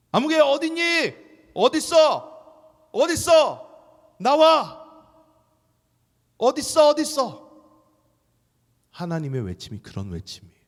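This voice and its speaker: Male pastor, lively sermon voice, long church reverb. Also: mid-range voice. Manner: animated preaching, shouts out God's cry. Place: church sanctuary.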